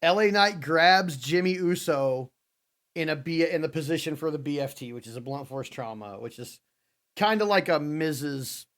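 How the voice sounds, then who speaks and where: Animated wrestling podcast man. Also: fairly high pitch, normal speed. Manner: animated retelling, acts out quoted wrestlers. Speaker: podcast co-host. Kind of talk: casual wrestling chat.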